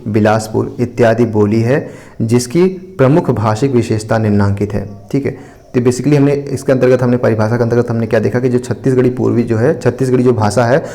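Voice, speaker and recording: Male tutor, mid-pitched and mellow, patient and repetitive delivery. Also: vocal fry. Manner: explanatory, repeats points with frequent "ठीक है". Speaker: teacher. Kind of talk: explaining an exam answer copy.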